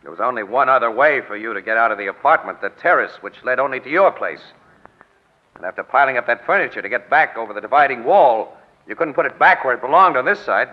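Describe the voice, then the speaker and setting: An actor playing a wry, cool-headed crime photographer who talks in slangy tough talk in old-time radio detective drama style. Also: male voice, mid-range voice, expressive, quick pace, lightly acted. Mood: terse, probing. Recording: dull vintage radio recording.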